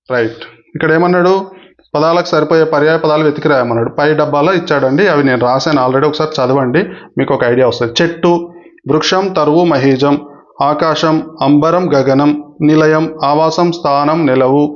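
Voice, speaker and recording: A man's voice: medium pitch, lo-fi sound. A man teaching a grammar lesson for exam candidates, who explains patiently, repeats the key points and addresses his viewers politely.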